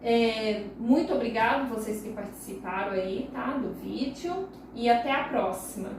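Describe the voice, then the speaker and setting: A woman's voice: fairly high pitch, a little slow, background noise. A woman teacher with a Brazilian Portuguese accent giving a recorded lesson for young children, patiently drawing words out syllable by syllable. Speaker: primary school teacher. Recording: very echoey room, voice far from the mic.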